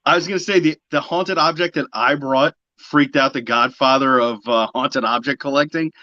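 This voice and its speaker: A man's voice: medium pitch, steady tone, moderate pace, pushed and bright, no room sound. Dry, slightly muffled man, casual interview guest. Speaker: podcast guest, psychic medium. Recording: slightly dull, lo-fi audio.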